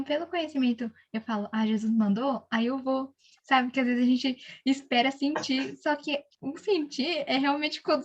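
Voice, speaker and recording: A young woman with a Brazilian accent telling a faith testimony in casual chat, animated, with many fillers. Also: sits high, lo-fi sound. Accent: Brazilian Portuguese. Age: young adult.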